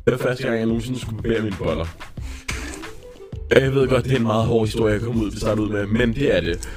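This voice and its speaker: A young man casually telling a story in a chat, animated and lively, sometimes acting out panicked shouting. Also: on the low side, music in the background.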